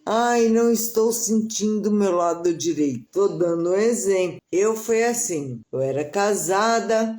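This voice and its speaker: A middle-aged Brazilian woman telling a personal story candidly and expressively during a live stream. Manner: candid and expressive, with pitch swinging up and down as she tells.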